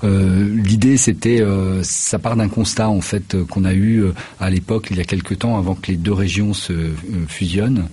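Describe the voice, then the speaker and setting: A man with a very low voice talks through a radio studio interview, halting often and restarting his sentences. His tone is dark and husky, and he pauses a lot as he lays out his work as a choreographer and festival director. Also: steady tone. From Paris region, France. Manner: hesitant, many fillers and restarts.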